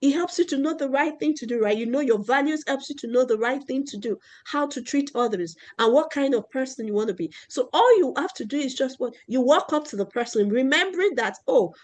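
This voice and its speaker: A woman with a fairly high voice is teaching a children's class about values. She repeats each key idea and keeps checking in with "right?" and "okay?". She also puts questions to the class and answers them herself. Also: animated, fairly quick, few pauses.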